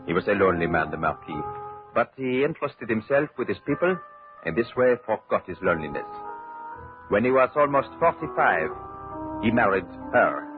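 A courtly Frenchman in an old radio show. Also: lowish voice. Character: genial middle-aged French mayor's son, storyteller. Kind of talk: 1940s radio drama acting. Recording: thin, phone-like old radio broadcast.

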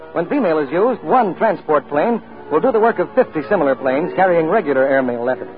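A man reading the announcements of a 1940s radio show in a formal, polished announcer style. The sound is that of an old-time radio broadcast. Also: on the high side. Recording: tinny lo-fi 1940s radio broadcast, faint music behind.

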